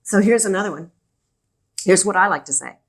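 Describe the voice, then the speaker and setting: A woman's voice: medium pitch, a little fast. A woman from El Paso, Texas, talking as a guest on a business podcast, enthusiastic and emphatic, often repeating her key words. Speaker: podcast guest, regional director. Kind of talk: conversational podcast interview.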